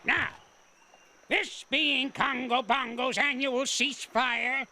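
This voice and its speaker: Cranky Kong, gravelly old ape. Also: male voice, extremely high pitch, steady tone, takes it slowly, exaggerated voice. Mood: grumpy scolding. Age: older. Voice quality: gravelly, crotchety. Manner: scolding, blustering, insult-hurling. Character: cranky old male ape, bossy and grumbling. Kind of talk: cartoon voice acting. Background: loud cartoon music.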